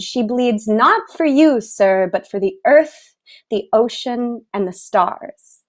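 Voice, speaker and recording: A woman performing spoken word poetry at a slam, with a measured, deliberate delivery that slows on key lines. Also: fairly high pitch. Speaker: slam poet.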